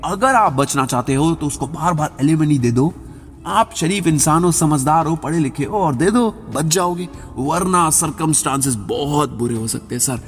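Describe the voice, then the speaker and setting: Man doing a smooth threatening lawyer, polite and persuasive, raised pitch, echo, background music. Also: lively intonation, moderate pace, close to an everyday voice. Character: smooth-talking male lawyer, coolly threatening. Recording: reverberant voice-over with background music.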